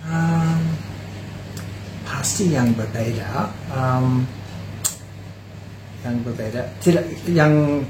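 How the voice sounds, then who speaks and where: A native English-speaking man with an Australian accent, giving a casual interview in halting, simple Indonesian as a foreign learner. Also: medium pitch. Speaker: interview guest. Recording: roomy echo, clear background noise.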